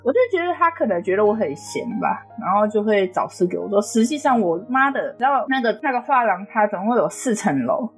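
A young woman co-hosting a podcast, telling workplace stories in an exasperated, animated casual chat. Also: medium pitch, a little fast, few pauses, faint music behind. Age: young adult. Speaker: podcast co-host.

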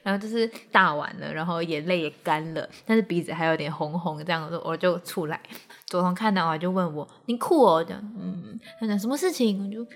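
A woman's voice: lowish voice, vocal fry. Laughing, self-mocking young woman. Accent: Taiwanese Mandarin. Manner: self-mocking, laughs often, quick bursts. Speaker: podcast co-host. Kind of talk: casual chat.

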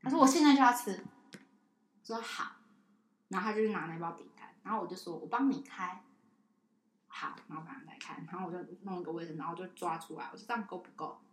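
A woman with a Taiwanese Mandarin accent co-hosts a casual podcast, rattling through a story at a brisk clip. She acts out the people in it with lively voices. Her voice rings in an echoey room. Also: on the low side. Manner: animated storyteller who acts out a child and herself. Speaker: podcast co-host.

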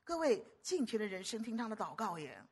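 A woman preacher delivering a sermon, emphatic and animated, often stumbling and repeating words. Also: medium pitch, fairly quick, husky.

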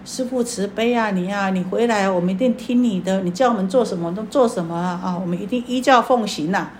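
A woman's voice: medium pitch, brisk, slight background noise, close to an everyday voice. A woman voicing an anxious young male disciple who begs his master to come back. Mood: begging. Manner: begging, urgent.

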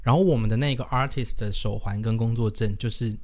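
A man's voice: medium pitch, brisk. Taiwanese man, eager podcast co-host. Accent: Taiwanese Mandarin. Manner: enthusiastic, reacts with loud exclamations. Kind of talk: casual chat.

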